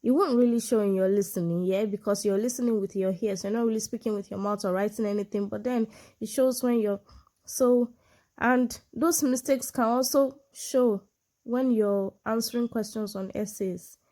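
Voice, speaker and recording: A Nigerian woman whose first language is a Nigerian language tutors online for an English exam, speaking English as a second language with a Nigerian accent. Her sonorous, dark voice sits at medium pitch, steady and moderately paced. Talking informally to camera, she explains through examples and keeps checking in with tags like "yeah" and "you know."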